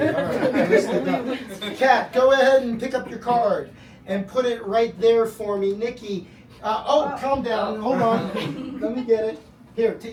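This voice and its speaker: A man performing as a birthday party magician, with joking, teasing patter aimed at his volunteers. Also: extremely high pitch. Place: indoor party room with guests. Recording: echoey room, distant mic, noisy audience. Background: guests laughing and reacting.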